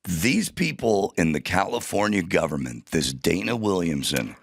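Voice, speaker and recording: A man's voice: deep voice, sing-song, normal speed, gravelly, breathy edge, no echo, studio quality. A man co-hosting a podcast, reading news items and backing up the host with short agreements.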